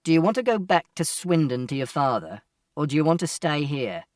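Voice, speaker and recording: A calm, firm policeman, acted by an audiobook narrator. He is official and matter-of-fact, with a dry studio-like sound. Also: mid-range voice, fairly quick, dry recording, distant mic, natural voice. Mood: questioning. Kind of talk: audiobook character acting.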